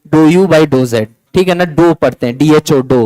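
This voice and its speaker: A physics teacher lectures in a chatty, coaxing way, repeating points and teasing his students. His voice sits fairly high. The sound is dry and close, with no room echo. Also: measured pace, mellow. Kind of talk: classroom lecture.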